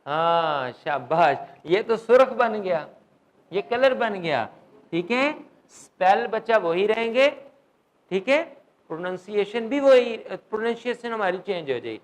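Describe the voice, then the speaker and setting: A middle-aged man gives a classroom grammar lecture in a high voice. He keeps asking his students questions and slips English grammar terms into his speech. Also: expressive, rough recording. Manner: quizzes students, mixes English terms into Urdu. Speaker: English teacher.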